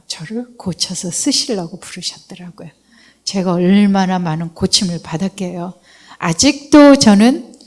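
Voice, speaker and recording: A woman missionary from Seoul giving a lively, humorous testimony in a church service, acting out the voices she quotes. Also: mid-range voice. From Seoul, South Korea.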